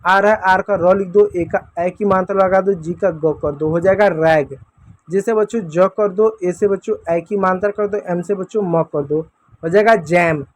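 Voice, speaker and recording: A man's voice: high voice, moderate pace, no echo. A man teaches young children. He repeats each step patiently and calls the kids again and again. The recording is dry and close, with no room sound. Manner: patient, repetitive drilling, often addresses the kids as "बच्चों". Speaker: English teacher. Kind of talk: classroom lesson for children.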